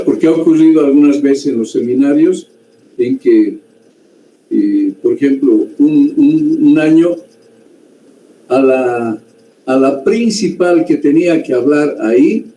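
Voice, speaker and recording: A man's voice: mid-range voice, mellow. A man teaching a medical class, lecturing conversationally and often checking in with his students. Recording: echoey room with faint ambient noise.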